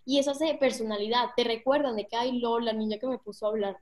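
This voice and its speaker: A woman's voice: on the high side, fairly even intonation, fast, darkish tone. A young woman with a Mexican accent giving a casual online talk on public speaking, slangy and speaking straight to her audience. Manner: chatty, slangy, addresses the audience directly.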